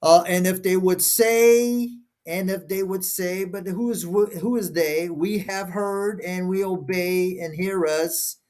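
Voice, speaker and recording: In a high, slightly mellow voice, a man takes his time reading verses aloud as co-host, halting often to question phrase after phrase during an informal discussion. Portuguese is his first language.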